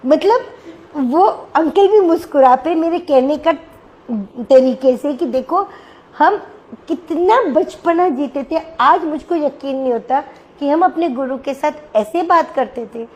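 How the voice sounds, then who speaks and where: Older woman with mellow voice. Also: sits high, a little slow, poor audio. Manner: emotional storytelling, acting out dialogue. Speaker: devotee sharing a personal story. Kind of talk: storytelling to a devotional gathering.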